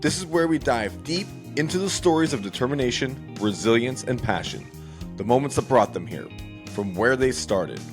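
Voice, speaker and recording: A man's voice: mid-range voice, big pitch swings, moderate pace, music in the background. A man hosting a podcast, opening with an upbeat scripted intro and then chatting casually with his guest. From US West Coast. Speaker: podcast host. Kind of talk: podcast interview.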